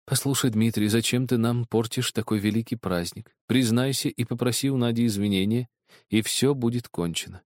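A man voicing a kind, anxious mother who coaxes gently. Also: mid-range voice, normal speed, dry recording, studio quality, close to an everyday voice. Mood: coaxing.

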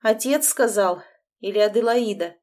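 A woman's voice: mid-range voice, normal speed, darkish tone, natural voice. A woman reading an audiobook, voicing a reserved grown man who answers curtly and defensively. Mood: exasperated. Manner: curt, defensive. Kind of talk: audiobook dialogue.

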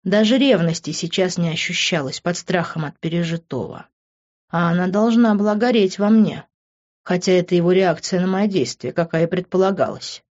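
A woman narrating a novel in the first person with expressive, emotional reading. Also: lowish voice, moderate pace. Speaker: audiobook narrator. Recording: dull lo-fi recording.

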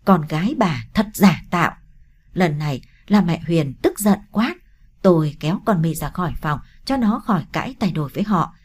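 A woman reads a first-person romance story in a calm, even manner. Her voice sits low and dark, with a husky, breathy texture. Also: normal speed. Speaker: audiobook narrator.

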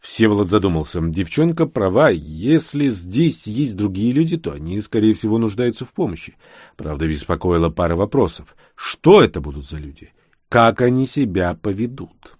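Low-voiced male audiobook narrator. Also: normal speed, breathy edge, no room sound, clean studio sound. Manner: steady, dramatic reading. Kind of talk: scripted narration.

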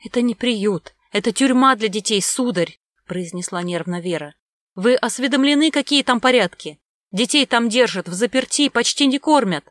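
A woman's voice: on the high side, normal speed, a bit bright, no room sound, pitched above the performer's own voice, close to an everyday voice. Rich: A young nanny, nervous yet defiant, pleading to protect the children, as a woman narrator voices her. Her voice is raised a touch and urgent, close and dry.

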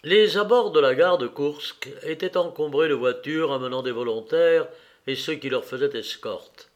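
A man reading a classic novel aloud in a measured, steady way. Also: on the high side. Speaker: audiobook reader.

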